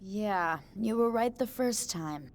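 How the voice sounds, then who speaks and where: Playing an eccentric, chatty mystic who lives in a motel and claims psychic powers, the actress uses a mid-range voice with lively intonation and a slow pace. Her breezy, airy talk comes from a game cutscene.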